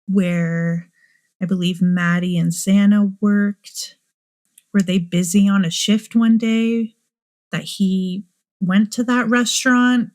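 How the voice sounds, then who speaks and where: A woman's voice: mid-range voice, a little mellow. A woman hosting a true crime show, musing aloud and asking many rhetorical questions. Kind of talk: speculative true crime commentary.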